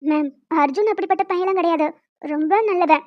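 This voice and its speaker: A woman voicing a defensive young female college student in an animated story. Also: very high-pitched, a little fast, lo-fi sound. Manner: pleading, defensive.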